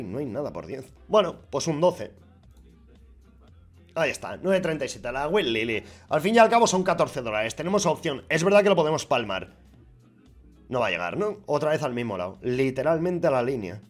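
Excitable swearing Spanish gamer man. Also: medium pitch. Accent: Spain Spanish. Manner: excitable, swears a lot, shouts at big wins. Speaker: gaming YouTuber. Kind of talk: casual commentary while opening online skin cases.

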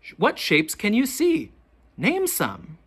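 With a breathy edge to her voice, a teacher reads a picture book aloud to young children, posing expressive, deliberate questions as she goes.

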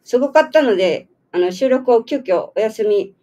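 A woman's voice: a little high, animated, moderate pace, dark tone, lo-fi sound. A woman hosting a community radio show in casual chat, a little nasal from a cold, laughing and teasing. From Okinawa, Japan. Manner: chatty, laughs often, teasing questions. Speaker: radio host.

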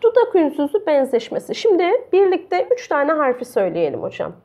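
A woman's voice: high voice, wildly swooping pitch, brisk, darkish tone. A woman teacher explaining a grammar lesson step by step and quizzing her co-host. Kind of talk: classroom-style grammar lesson.

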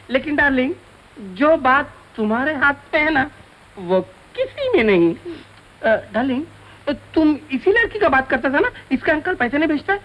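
An actor playing a sly, henpecked middle-aged paying guest, wheedling theatrically in a comic film on a dull old soundtrack. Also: male voice, extremely high pitch. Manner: wheedling, theatrical, protesting innocence. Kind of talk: comic film dialogue in broken colloquial speech.

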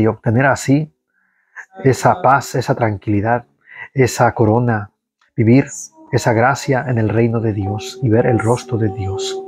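A man leading listeners through a recited rosary, reading psalms in a slow, measured devotional way and guiding the responses. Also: medium pitch, a little mellow. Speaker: prayer leader.

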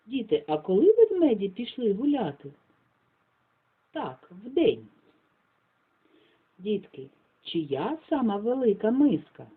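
A woman's voice: medium pitch, phone-quality sound. A woman kindergarten teacher reading a fairy tale aloud with dramatic expression, then quizzing the children on it.

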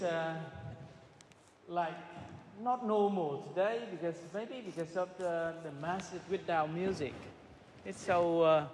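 High, slow-voiced priest in cathedral echo. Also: male voice, slight background noise. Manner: measured, pausing delivery with frequent hesitations. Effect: cathedral-like church echo. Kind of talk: gospel reading and homily at Mass. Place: large church. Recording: long reverberant church hall.

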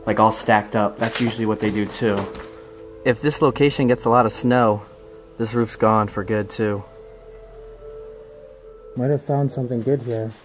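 Soft music plays behind a young man's lowish, steady voice as he explores an abandoned resort indoors at a normal speed, pausing often. Chatty and quick to be impressed, the urban explorer wonders aloud what each room once was, recording on a handheld camera.

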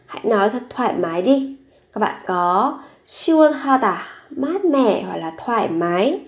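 A woman who teaches Korean phrases, repeating each one slowly and then explaining it. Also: on the high side, sing-song. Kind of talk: bilingual language lesson.

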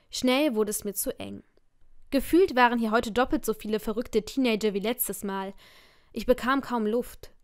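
A woman narrating a romance novel as an audiobook in the first person, with expressive storytelling. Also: a little high, no room sound, studio quality.

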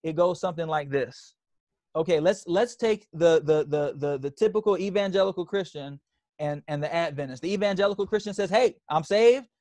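A man's voice: fairly high pitch, brisk, a little mellow, no echo. A man preaching a sermon as pastor, emphatic, repeating phrases and calling for responses from the congregation.

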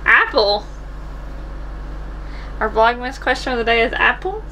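A twenty-something American woman hosts a casual home cooking vlog, speaking in a high-leaning, bright, forward voice with a sing-song lilt at a measured pace. She's filmed on a camera inside a small camper kitchen, and the low-quality recording carries light background noise.

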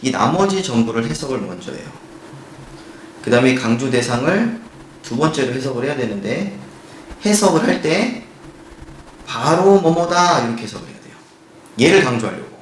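A man's voice: medium pitch, big pitch swings. Man, grammar teacher, step-by-step explanations, rhetorical questions, roomy echo, faint background hum. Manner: reads English sentences slowly and carefully. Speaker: English teacher. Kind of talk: recorded grammar lecture.

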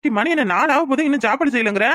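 A woman voicing a gruff, short-tempered village husband. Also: high-pitched, very fast, fairly bright tone. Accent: southern Tamil, Kanyakumari. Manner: gruff and demanding, snaps orders. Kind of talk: cartoon voice acting.

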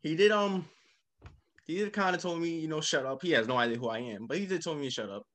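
A man hosting a casual basketball podcast, talking with quick bursts of enthusiasm. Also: on the high side, fairly bright tone. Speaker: podcast host. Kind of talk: casual sports chat.

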